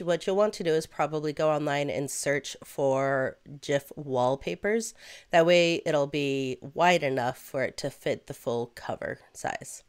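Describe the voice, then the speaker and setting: A young woman with a low, smooth voice walks through a software tutorial. She keeps it chatty and playful and drifts into light asides now and then. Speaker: host. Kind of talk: screen-recorded software tutorial.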